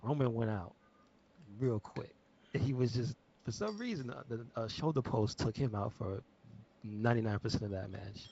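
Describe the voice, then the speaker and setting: Male podcast co-host, low husky voice, relaxed chatter, muffled audio. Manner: easygoing, drawn-out, hesitant. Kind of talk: casual chat.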